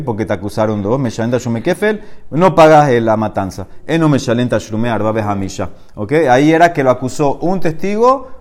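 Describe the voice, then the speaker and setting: Man teaching talmud, reads aramaic then explains, emphatic, mid-pitched. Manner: emphatic, rising to a louder higher voice when arguing a point. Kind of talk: Talmud study class.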